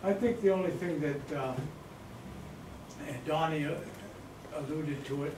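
An older man reminisces about his service in a wry, plain-spoken way. He sits away from the mic, in an echoey hall with steady noise behind him. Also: fairly high pitch, unhurried, distant mic. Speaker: veteran guest speaker.

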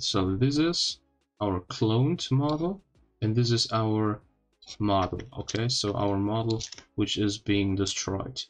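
Slow, slightly impeded low-voiced man. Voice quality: slightly odd, impeded speech after wisdom teeth removal. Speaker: tutorial host. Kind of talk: informal screen-recorded coding tutorial.

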